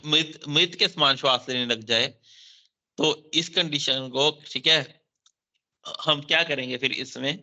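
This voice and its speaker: On dull lo-fi audio, a man with a high-leaning, pushed and bright voice gives an exam-focused Ayurveda lecture. He reads Sanskrit verses and explains them line by line, repeats key terms, mixes in English, and checks in with students with frequent "theek hai."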